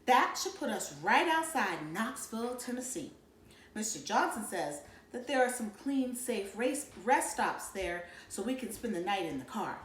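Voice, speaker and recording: Woman voicing a steady organized mother, matter-of-fact, lively pitch, roomy echo. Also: unhurried, slight background noise. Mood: planning. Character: organized, calm mother planning a family trip.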